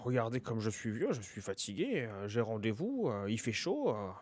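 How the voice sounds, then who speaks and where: A man's voice: fairly low pitch, very animated, moderate pace, a little mellow, pitched below the performer's own voice. A man playing a cheeky old bluffer in a tabletop role-play, pleading his way in with hesitant, wheedling patter. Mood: weary pleading.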